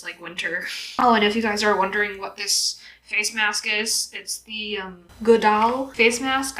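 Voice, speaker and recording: A Vietnamese woman in her twenties, a YouTuber, chats casually in a get-ready-with-me video while doing her makeup indoors at her city home. Her mid-range voice is pushed and bright, she laughs often and fills her speech with "like" and "um," and the recording quality is low.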